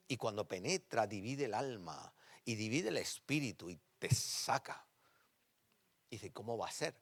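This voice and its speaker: A man preaching a sermon in a church, telling personal stories with animated emphasis that drops to quiet, intimate tones. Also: lowish voice, gravelly, no echo. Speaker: pastor.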